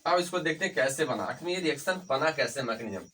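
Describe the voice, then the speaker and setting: A man's voice: mid-range voice, animated, fast, a bit bright, distant mic, a little hiss or hum, rough recording. A man teaching a chemistry lecture. He asks questions and answers them himself, repeats key terms, and speaks to his students fondly and with encouragement. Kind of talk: whiteboard lecture.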